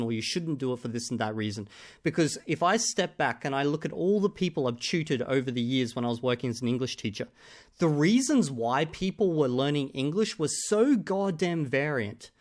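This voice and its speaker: In a medium-pitched voice, a man reacts to another creator's video with casual, argumentative commentary, often pausing on "okay?" to drive his points home.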